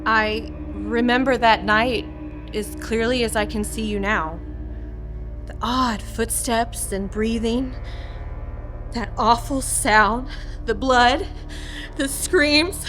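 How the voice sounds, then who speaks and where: A woman's voice: on the high side, slow pace, long pauses, music in the background. A woman playing a shy, lonely teenage student recounting a haunting in a radio drama. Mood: panicked. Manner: shaky recollection.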